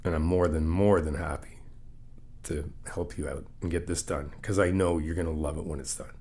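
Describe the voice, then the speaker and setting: With a mellow bass voice, fairly even intonation, and normal speed, a young man roleplays in ASMR as a supportive friend painting a new apartment alongside the listener. He's laid-back and reassuring, teasing and laughing often.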